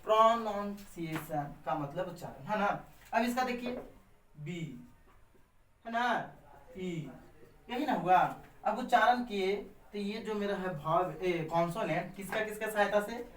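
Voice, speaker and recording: A man's voice: high-pitched, measured pace, pauses often. A man teaching a basic grammar lesson to camera, asking and answering his own questions with frequent tags. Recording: echoey room, far from the mic.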